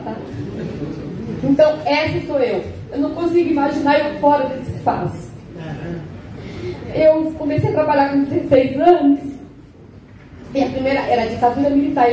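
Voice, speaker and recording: A woman's voice: sits high, normal speed. A woman in her sixties giving a candid, emotional personal testimony at a union meeting. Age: 60s. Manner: emotional, candid, tearful at times. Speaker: union founder speaking at a meeting. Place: meeting hall. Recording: echoey hall, voice from far off, noisy.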